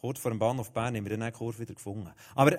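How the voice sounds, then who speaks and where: A middle-aged man with a Swiss German accent, preaching a sermon full of personal stories, swinging from loud to hushed. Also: fairly low pitch, steady tone, racing.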